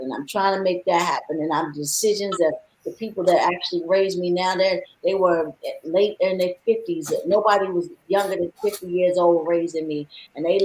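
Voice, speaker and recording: A woman's voice: on the low side, darkish tone, a little hiss or hum. A woman hosting a panel talk show, telling a heartfelt personal story with lots of "you know.". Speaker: show host. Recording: roomy echo.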